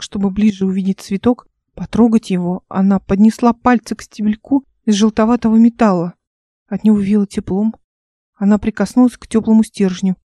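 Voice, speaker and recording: A woman narrating her own fantasy audiobook in a calm, measured reading. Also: mid-range voice, no echo, studio quality.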